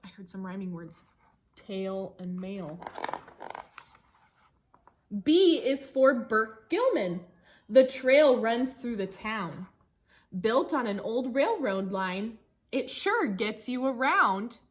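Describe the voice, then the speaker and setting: A female teacher reads a children's picture book aloud in a slightly high voice. Her intonation is lively and singsong, with storybook phrasing and pauses for engaging asides to her young listeners.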